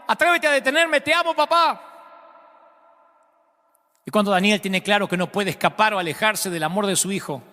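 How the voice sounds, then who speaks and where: A man preaching a storytelling sermon, impassioned, swinging from dramatic rises to hushed drops. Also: on the high side. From Argentina. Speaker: pastor. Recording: long reverb of a large hall.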